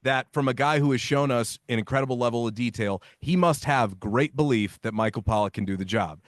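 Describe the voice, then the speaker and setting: An opinionated man talks sports as a podcast guest, leaning hard on his points and climbing in pitch when he pushes. His voice is mid-pitched. It is recorded close and dry. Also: fairly quick, dry recording. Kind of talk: casual sports podcast chat.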